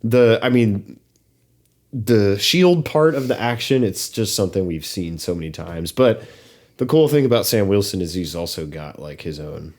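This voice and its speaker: A young adult man co-hosting a podcast, talking casually about a movie with many pauses, fillers and restarts. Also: on the low side, lively intonation, darkish tone. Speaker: podcast co-host.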